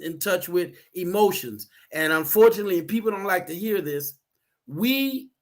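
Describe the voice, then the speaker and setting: A man's voice: high voice, a bit bright. A man talking earnestly and explaining his ideas, often restarting and repeating words. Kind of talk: casual discussion.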